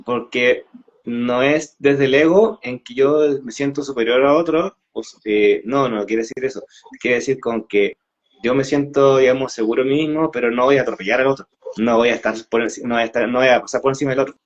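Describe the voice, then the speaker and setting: A man's voice: mid-range voice, a little fast. A man talking casually in a live conversation, hesitant and searching for words. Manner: hesitant, many restarts and fillers. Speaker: co-host. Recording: dull lo-fi sound.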